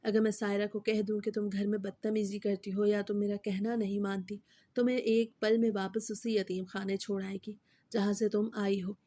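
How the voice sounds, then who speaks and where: A woman's voice: medium pitch, flat delivery, mellow, no echo, close to an everyday voice. A woman voicing a cruel, scheming stepfather who speaks in a stern, threatening way, in a storybook reading. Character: cruel scheming stepfather, a middle-aged man.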